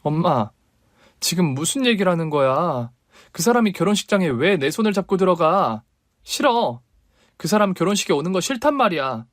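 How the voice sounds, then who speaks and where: Male reader as an upset daughter, high-pitched, shrill and defiant, dry close sound. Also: unhurried, no room sound. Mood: angry. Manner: pleading, rising to shrill anger. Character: young woman, daughter, hurt and defiant. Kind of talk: radio story reading.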